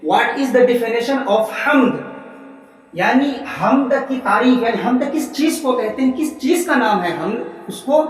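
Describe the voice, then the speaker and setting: A male teacher dictating answers slowly word by word, repeating them, then explaining more quickly. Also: very high voice, lively intonation. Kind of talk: classroom lesson, dictating answers. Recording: roomy echo from far off, faint music.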